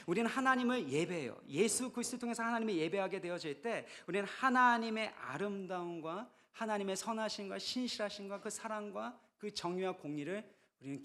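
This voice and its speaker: Man in his thirties, pastor, higher-pitched voice, chatty sermon with emphatic bursts. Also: a bit bright. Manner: conversational preaching, rising to emphatic bursts. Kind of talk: sermon at a retreat.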